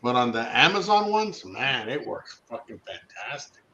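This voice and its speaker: A man's voice: mid-range voice, sing-song, normal speed, pushed and bright, echoey room, highs cut off, a little hiss or hum. A man chatting casually on a livestream, swearing easily while eagerly showing off kitchen gear. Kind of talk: casual chat.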